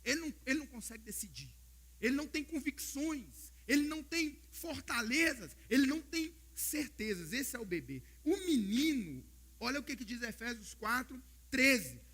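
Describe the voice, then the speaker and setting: A male Brazilian pastor delivers his sermon with a very high, bright, pointed tone and a husky edge. His pitch rises and falls widely as he tells stories to his congregation. He keeps coming back to the brothers in the pews. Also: moderate pace. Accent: Brazilian Portuguese. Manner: animated storytelling preacher, repeats "brothers" often. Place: church service.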